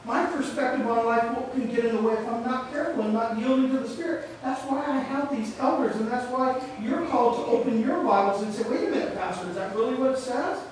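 A man preaching as pastor talks fairly quickly with few pauses, his voice very high-pitched. Into a church microphone on a stand, which he sometimes leaves, he asks his congregation questions and answers them on his own. The sanctuary gives a roomy sound, plus slight background noise.

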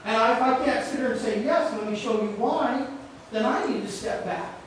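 A man's voice: very high voice, normal speed, roomy sound, slight background noise. A man preaching a sermon as pastor, asking his congregation questions and answering them himself, speaking into a church microphone. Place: church sanctuary. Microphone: stand microphone, sometimes stepping away.

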